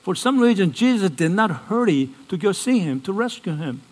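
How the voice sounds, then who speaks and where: A man's voice: high-pitched, sing-song, normal speed, rough recording. A man preaching a sermon. He keeps asking the congregation questions and acts out Bible characters in casual modern speech.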